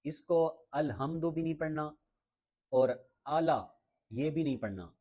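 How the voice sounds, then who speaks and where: A man with a somewhat high voice and a Pakistani Urdu accent teaches careful recitation. He explains the sounds briskly, then chants each phrase slowly and drawn out, like a patient teacher. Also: animated, dark tone. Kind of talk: pronunciation lesson with slow recitation.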